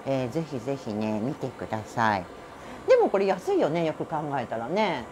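This grooming demonstration talk comes from a middle-aged cat groomer with a Kansai Japanese accent whose bass voice is sing-song at a normal speed. She chats along, tacking little asides and giggles onto her phrases.

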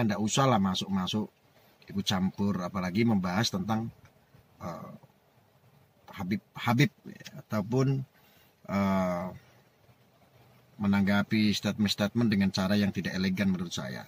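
A man, speaking straight to the camera to rebut a critic, scolding and growing loud and emphatic. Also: on the low side, slight background noise. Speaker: online religious commentator.

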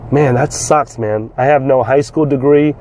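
At a medium pitch and normal speed, a man in his forties from South Vietnam, who trades and vlogs, talks bluntly to camera from a parked car outdoors, swearing freely, gesturing animatedly and repeating words as he starts over. The rough recording uses a lapel mic with a phone or camera at arm's length, and faint car and street noise comes through.

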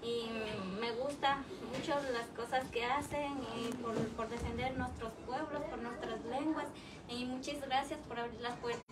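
Woman from Ecuador, native Quichua speaker, polite intro, high voice, loud room noise. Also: steady tone, moderate pace, a loud crowd. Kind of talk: self-introduction at a meeting. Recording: distant camera mic, loud room noise.

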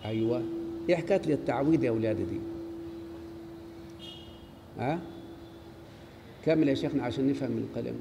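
His voice is gravelly and medium-pitched, fairly quick yet broken by frequent pauses, as this Egyptian-accented man teaches Arabic grammar in a large mosque. He questions students call-and-response style, and the recording has long hall reverb and faint background noise.

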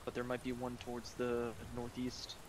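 Even-toned man over clearly noisy game audio. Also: medium pitch, moderate pace. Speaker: player in a military game. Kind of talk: casual gaming chat.

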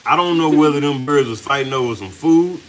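A man co-hosting a home cooking vlog, telling a story in an animated, laughing way with casual slang. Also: on the high side, brisk, a little hiss or hum, poor audio. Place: home kitchen with frying food.

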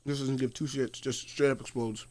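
A man's voice: mid-range voice, fairly even intonation, normal speed, darkish tone. A man streaming a video game live, talking casually as he plays, muttering to himself and laughing often. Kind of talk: casual live gameplay commentary.

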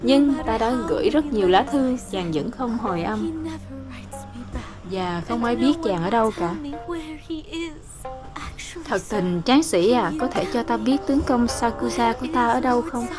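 A woman's voice: fairly high pitch, animated, a little slow, pauses often. A woman voicing a grieving female ghost who searches for her husband, speaking in a formal, sorrowful way. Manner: formal, sorrowful, archaic speech. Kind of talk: game dialogue. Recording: game audio with music behind. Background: music.

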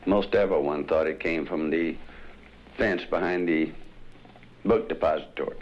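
A man's voice: a bass voice, measured pace, muffled recording, a little hiss or hum. A man giving brief, hesitant, plain answers as an eyewitness in an interview, on a 1960s vinyl record.

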